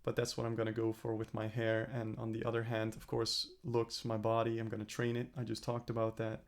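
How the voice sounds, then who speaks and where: Gravelly, flat-toned young man vlogging. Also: lowish voice, fairly quick, slight background noise. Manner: rambling, self-correcting, earnest. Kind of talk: casual self-reflective vlog.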